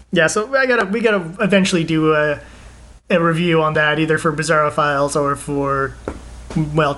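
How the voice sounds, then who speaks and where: A young man co-hosting a podcast, chatting casually about games and movies in a rambling, excitable way, laughing often. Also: on the high side, a little hiss or hum. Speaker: podcast co-host.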